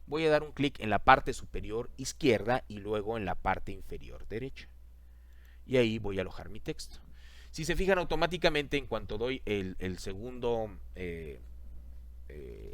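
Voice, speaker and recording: A man teaching a software lesson over a screen recording, talking the class through each click and repeating the steps. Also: on the low side, no room sound.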